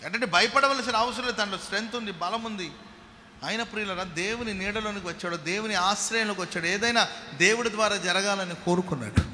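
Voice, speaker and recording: A man preaching a sermon as pastor, firing rhetorical questions at the congregation and calling them to clap and shout hallelujah, swinging between loud exhortation and quiet asides. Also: high voice, quick pace, a little hiss or hum. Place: large church hall. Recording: echoey hall with long reverb.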